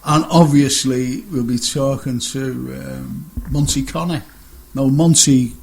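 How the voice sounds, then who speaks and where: A man's voice: mid-range voice, steady tone, slow, creaky. A middle-aged man hosting a casual radio chat show, rambling and joking and laughing often.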